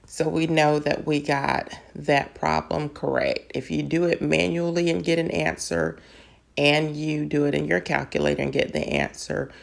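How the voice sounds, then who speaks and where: A woman's voice: deep voice, vocal fry. A woman patiently explaining math step by step in an online lesson. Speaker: math teacher.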